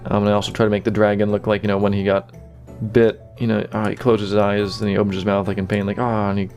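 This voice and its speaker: A man giving casual behind-the-scenes commentary on his own animation, relaxed and full of fillers like "you know" and "kinda". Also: on the low side, fast, faint music behind.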